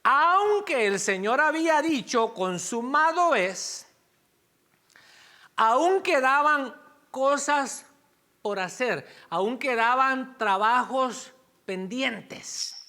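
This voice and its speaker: A man's voice: very high-pitched, animated, extremely slow, pushed and bright. A male pastor preaching a Sunday sermon in a conversational way, with asides and self-corrections.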